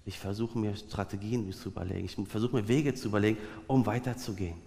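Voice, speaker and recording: A man giving a sermon, retelling a story with lively swings between loud and quiet. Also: on the low side, quick pace, creaky. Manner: animated retelling with sudden swings in loudness. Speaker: preacher. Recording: long reverb of a large hall.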